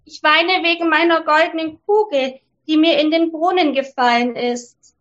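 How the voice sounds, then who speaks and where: A woman's voice: high voice, steady tone, moderate pace, a bit bright, lo-fi sound, pitched above the performer's own voice. A woman voicing a spoiled young princess in a fairy tale, hesitating with fillers. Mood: tearful.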